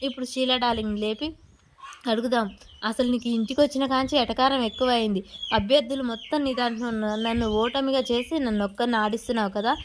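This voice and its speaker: A woman's voice: on the high side, steady tone, fast, slight background noise, natural voice. A woman voicing a blunt young husband who blusters and rambles through excuses, in a retold TV serial scene. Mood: grumbling.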